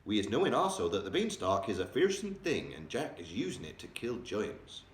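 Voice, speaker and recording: A man voicing a kindly big male giant who talks in a hushed way with odd, mangled grammar. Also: fairly low pitch, huge pitch swings, moderate pace, slight background noise. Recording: roomy echo, distant mic.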